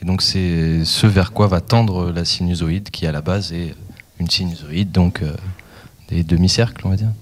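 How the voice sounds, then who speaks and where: Imagine a man with a very deep voice on a casual live radio show. He describes how audio effects work slowly and with some uncertainty, often stopping to find the right word. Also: fairly even intonation. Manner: tentative, searching for words.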